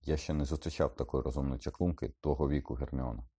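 A man plays a weary, gentle teacher in a storybook reading, steady and measured. The voice is very deep, dark and husky. He keeps his composure even when pressed. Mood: calm. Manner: calm, measured, pleading. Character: calm weary grown male teacher, a werewolf. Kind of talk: audiobook character voice.

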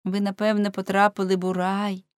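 A woman's voice: medium pitch, completely flat delivery, brisk, clean tone, no echo, clean studio sound, voice pushed up, close to an everyday voice. A woman voicing a devout young servant girl in an audiobook, talking in an earnest, pleading way.

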